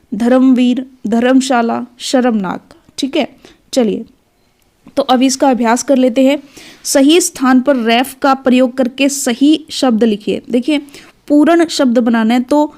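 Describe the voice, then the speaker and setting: A woman teacher with a fairly high voice talks young children through a phonics lesson. She is patient and careful, saying each word slowly and clearly, and then saying it again. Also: darkish tone.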